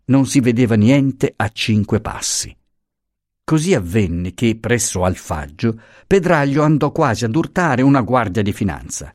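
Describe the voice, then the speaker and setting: A man reading a novel aloud as the narrator, in a measured, expressive way. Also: medium pitch, no echo, studio quality. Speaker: audiobook narrator.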